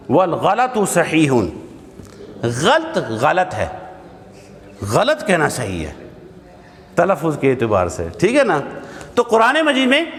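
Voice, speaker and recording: A man with a slightly high voice delivers a grammar lesson as a classroom lecture. He talks conversationally, asking rhetorical questions and checking in with his listeners, while his voice rings with the long reverb of a large hall. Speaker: Arabic grammar teacher. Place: mosque hall.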